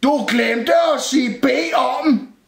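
A man voicing an old, hard-of-hearing magic cabinet that calls back loudly and keeps mishearing. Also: gravelly. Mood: shouting back. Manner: booming, mishears everything. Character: old deaf talking kitchen cabinet. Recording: roomy echo.

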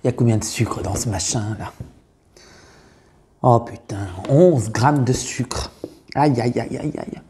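A man with a mellow, natural, medium-pitched voice speaks at normal speed with long pauses, over a little hiss or hum. In a comic sketch he plays a taste-tester, a brash, crude, middle-aged female farmer from the countryside with a Burgundian accent.

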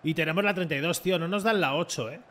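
A young man with a Spain Spanish accent, commenting his own football video game in an excitable, mocking way and swearing often. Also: on the high side, quick pace, a little hiss or hum. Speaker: gaming content creator. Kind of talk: casual gameplay commentary.

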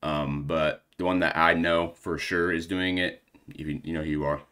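A young man with a notably low voice chats casually to his viewers. He rambles in slangy, filler-heavy talk, a bit out of breath. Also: level tone, normal speed, sharp tone, smooth. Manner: rambling, loose slangy chat with lots of fillers. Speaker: reaction video host. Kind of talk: casual reaction commentary.

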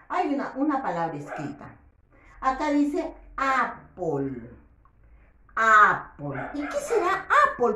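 A woman teaching a children's English lesson, patient and coaxing, who slowly repeats words for the class and keeps checking that they follow. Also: on the high side, a little mellow, slight background noise. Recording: roomy echo.

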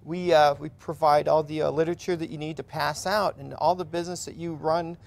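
Gravelly-voiced man on a TV kitchen set. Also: on the high side, flat delivery, brisk. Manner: eager, repeats words, stumbling restarts. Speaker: restaurant representative guest. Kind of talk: casual TV cooking segment chat.

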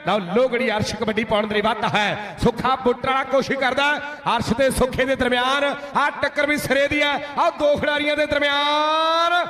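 High-pitched excited Punjabi kabaddi commentator, man. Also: a little fast. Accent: Punjabi, from Indian Punjab. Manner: chanting, repeats phrases, declaiming. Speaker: kabaddi match commentator and announcer. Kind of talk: excited rural sports commentary. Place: outdoor village kabaddi tournament ground. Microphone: public-address microphone. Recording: echoey PA system, crowd noise.

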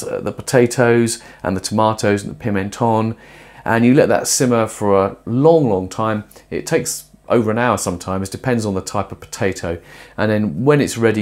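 A middle-aged man presenting a cooking and philosophy film in his home kitchen, explaining ideas in a thoughtful, lively way. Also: lowish voice. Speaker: host.

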